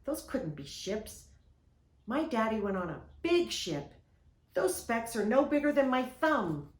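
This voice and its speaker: A woman's voice: fairly high pitch, very animated, a little slow, pitched above the performer's own voice. A woman voicing an earnest little girl of six. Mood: insistent. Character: six-year-old girl, earnest and wondering. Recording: roomy echo.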